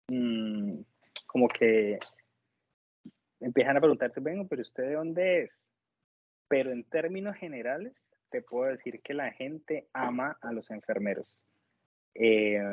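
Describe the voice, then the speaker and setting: A man from Colombia, giving a conversational testimonial and pausing to search for his words. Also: mid-range voice, husky, no echo, narrow, tinny audio. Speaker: nurse working in the United States, interviewee.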